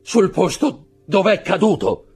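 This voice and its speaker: A man reading an audiobook, voicing a terrified, superstitious male Corsican steward who shouts and pleads desperately. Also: mid-range voice, big pitch swings, moderate pace, husky, soft background music, pitched above the performer's own voice. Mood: panicked. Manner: shouting, desperate, trembling pleas.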